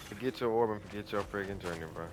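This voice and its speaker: Brief: young male gamer, deep voice, quick and rambling over gameplay. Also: music in the background. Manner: rambling, mumbled slang asides. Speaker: gameplay commentator. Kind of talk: casual gameplay commentary.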